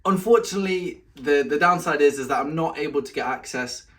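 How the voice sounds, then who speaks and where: A man's voice: brisk, fairly bright tone. A man talking casually to camera in a weekly update vlog, a little out of breath, chatting with a lot of self-talk. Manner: chatty, talks to his cat in a high sing-song voice between points. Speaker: vlogger giving weekly update.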